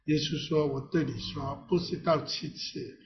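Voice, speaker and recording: In a dull lo-fi recording with background noise, a male pastor preaches a playful sermon packed with rhetorical questions. His voice is a little high and steady, his pace a bit slow, and he reads scripture aloud together with the congregation.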